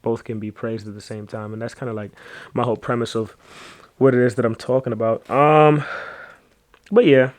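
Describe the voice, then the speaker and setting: A man's voice: medium pitch, steady tone, moderate pace, pauses often, no echo. A man hosting his own podcast, talking alone in a loose, rambling way with many fillers and asides. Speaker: podcast host. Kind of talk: casual solo podcast monologue.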